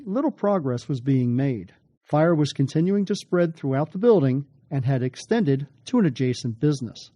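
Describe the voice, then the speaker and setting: A man's voice: on the high side, dark tone, no echo, studio quality. An American man reading scripted documentary narration.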